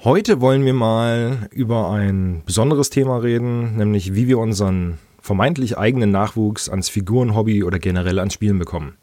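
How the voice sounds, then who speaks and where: Slightly snotty-nosed, low-voiced man hosting. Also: brisk, hardly any pauses, dark tone, no echo. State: slightly congested, snotty nose. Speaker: podcast host. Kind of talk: casual podcast moderation.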